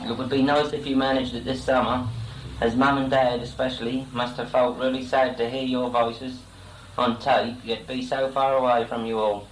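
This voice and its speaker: A man's voice: medium pitch, little pitch movement, moderate pace. A young man speaking a message to relatives in a stiff, formal, self-conscious way. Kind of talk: recorded spoken letter to relatives. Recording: echoey amateur tape, faint noise.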